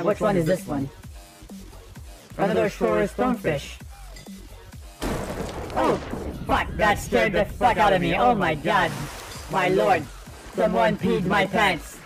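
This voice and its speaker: A high-pitched man in his thirties calls out a game live over a headset microphone, jumpy and profane as he chatters to himself and his viewers. Faint music plays underneath. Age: 30s. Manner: excitable, swearing, talks to himself and chat. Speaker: streamer. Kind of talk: gaming livestream commentary. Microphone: livestream headset mic.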